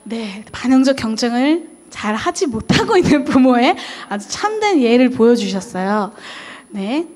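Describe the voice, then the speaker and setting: Young woman teacher giving a parenting talk, high voice, says "uh" a lot, acts out what parents and kids say. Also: very animated, a little slow, a little mellow. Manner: acts out quoted parent and child lines; frequent "어" fillers, talks straight to parents. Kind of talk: lecture on parent-child communication.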